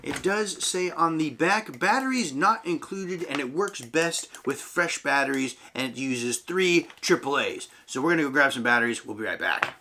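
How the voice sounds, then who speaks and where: A man's voice: on the high side, animated, moderate pace, hardly any pauses, bright, forceful tone, a little hiss or hum. A man hosting a casual family unboxing video, patiently explaining each step and talking straight to the viewers. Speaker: channel host and parent.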